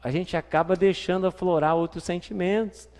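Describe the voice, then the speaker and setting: A man's voice: high-pitched, fairly even intonation, moderate pace, darkish tone. A man with a Brazilian Portuguese accent preaching a sermon in a church, chatty and playful, asking the congregation questions. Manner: conversational preaching with playful asides and acted quotes. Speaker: pastor. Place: church hall. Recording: reverberant church hall.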